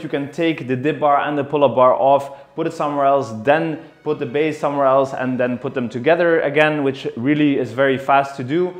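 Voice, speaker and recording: Man reviewing home gym, echoey room. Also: fairly high pitch. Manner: explanatory, detailed. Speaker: fitness reviewer. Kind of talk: product review. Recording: echoey room with faint music.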